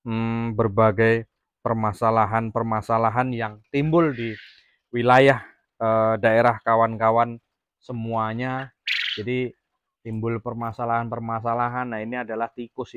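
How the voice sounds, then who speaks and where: A man's voice: mid-range voice, steady tone, measured pace, clean tone, dull audio. A man from Jambi, Indonesia, running a casual farm vlog about raising quail, rambling with many fillers and restarts. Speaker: quail farmer vlogger. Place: quail farm, near the cages.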